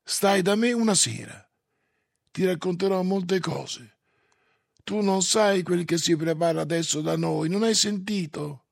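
A man voicing Stolz, an earnest man pleading insistently with his old friend, in a gravelly, husky voice. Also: sits high, a little slow, no echo, studio quality, exaggerated voice. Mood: urging.

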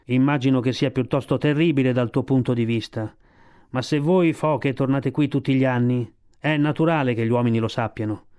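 A man voicing a calm, wise old male sea lion in a storybook, giving unhurried advice. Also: mid-range voice, smooth, lightly acted.

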